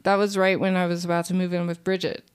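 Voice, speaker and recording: A woman's voice: lowish voice, flat delivery, quick pace, clean tone. A young woman, a comedian guest on a podcast, telling a rambling story in casual chat, full of fillers and restarts.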